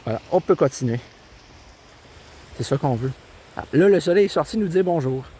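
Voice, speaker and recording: This young vlogger speaks Québécois French in an animated, slightly high and mellow voice at normal speed, teasing himself as he rambles. He holds a tablet to film his walk down a rural trail near a river and road, where faint birdsong and cars create slight background noise.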